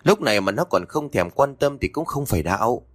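A man voicing gossiping village neighbors who judge a family in quick, tutting talk. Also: medium pitch, sing-song, no room sound. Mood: reproachful. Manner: brisk, tutting.

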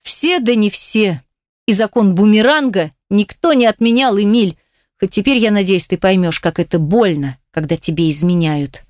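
A woman's voice: moderate pace, a little mellow, no room sound, studio quality, lightly acted. A woman voicing a hysterical, venomous woman who hisses and shrieks sarcastic accusations at her ex. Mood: cold bitter. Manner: shrill, hissing, sarcastic.

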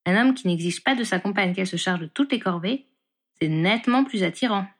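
A woman doing blunt, sharp-tongued Ginny. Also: mid-range voice, animated, fairly quick. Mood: scolding. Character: blunt teasing young woman, Ron's sister.

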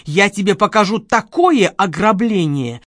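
A woman's voice: fairly high pitch, big pitch swings, dry recording, clean studio sound. A woman doing a hissing, furious rich lady. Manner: shouting, hissing, slow menacing. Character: furious rich woman client, spoiled and vicious.

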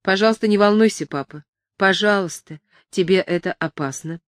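A woman doing a patient, gentle young son. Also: medium pitch, normal speed, no room sound, clean studio sound, natural voice. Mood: soothing. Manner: gentle, soothing, persuasive. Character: patient young adult son, calm and reasoning.

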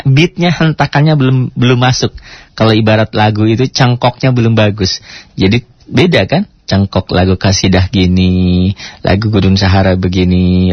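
A man teaching Quran recitation, chatting casually and breaking into slow chanted demonstrations. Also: lowish voice, slightly rough, no echo. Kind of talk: tajwid lesson with recited demonstrations. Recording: dry, dull lo-fi radio recording.

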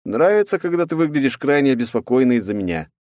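A man voicing a calm, teasing young male hero in an audiobook, with a wry delivery. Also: medium pitch, fast, dry recording, clean studio sound, voice pushed up, natural voice. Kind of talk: audiobook dialogue.

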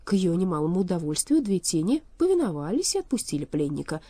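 A woman reads a fairy tale aloud as an audiobook narrator, expressive and steady. Her voice is mellow and her pitch moves a lot. The sound is dry and close. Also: quick pace, no echo. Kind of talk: storybook narration.

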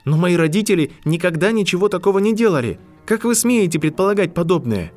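A man reading an audiobook, voicing an angry, indignant eleven-year-old boy wizard who shouts in fast outbursts. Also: on the high side, lively intonation, soft background music, pitched above the performer's own voice, natural voice. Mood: furious. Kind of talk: audiobook narration.

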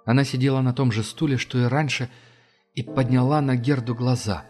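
A male narrator reads a novel at a measured, steady pace with a medium-pitched voice. A faint music bed sits underneath the narration throughout. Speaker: audiobook narrator. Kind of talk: scripted narration.

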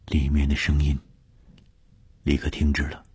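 A man narrating a horror audiobook slowly, building suspense. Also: very deep voice, completely flat delivery, darkish tone, husky. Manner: slow, suspenseful storytelling. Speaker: storyteller.

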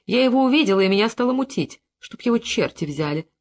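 A reader doing a sharp-tongued seasick young wife. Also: medium pitch, expressive, fast talker, lightly acted. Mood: queasy whining.

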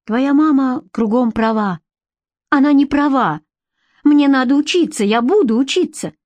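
A woman's voice: sits high, lively intonation, a little mellow, no room sound, pitched above the performer's own voice. A woman voicing a heartbroken young girl who pleads in a rush, in an audiobook. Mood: pleading. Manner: rushed, emotional pleading.

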